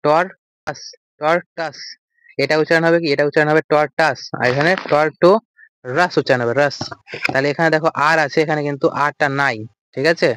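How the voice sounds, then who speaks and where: A man's voice: fairly high pitch, steady tone, very fast, sharp tone, clear, resonant tone, dry recording. A man teaching an English vocabulary lecture, explaining step by step and asking and answering his own questions. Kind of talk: recorded lecture.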